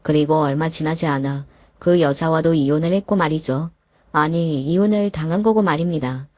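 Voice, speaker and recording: Calm low-voiced woman narrating a story. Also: moderate pace, no room sound, clean studio sound. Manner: calm, matter-of-fact retelling. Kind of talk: first-person story narration.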